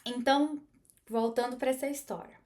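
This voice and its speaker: A woman's voice: a little high, steady tone, moderate pace, darkish tone. A woman with a Brazilian accent telling a personal spiritual story in an earnest, chatty vlog style, often tagging her sentences with little questions to the listener. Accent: Brazilian Portuguese. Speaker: spiritual teacher and medium.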